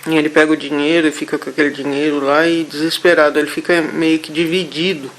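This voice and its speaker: A man haltingly recounting a vision during a therapy session, with many restarts. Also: on the high side, level tone, fairly bright tone, slight background noise, rough recording. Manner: halting, hesitant, full of restarts. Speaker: therapy client.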